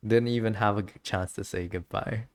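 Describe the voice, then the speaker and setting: A female game streamer chats and giggles casually through her gameplay, reading dialogue aloud. Her voice is deep like a bass, with fairly flat intonation at a normal speed.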